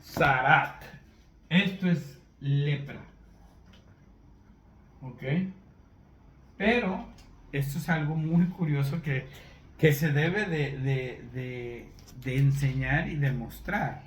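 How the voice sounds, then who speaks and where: A man gives a Bible lesson in a fairly high voice, taking his time and stopping to check in with his listeners. He spells words out letter by letter as he teaches. The room echoes around him, with a faint hiss underneath. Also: drawn-out words, pauses often. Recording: roomy echo, faint background noise.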